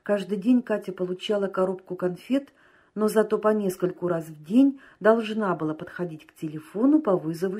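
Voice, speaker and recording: A woman narrating an audiobook in a measured, even reading voice. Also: medium pitch, breathy edge.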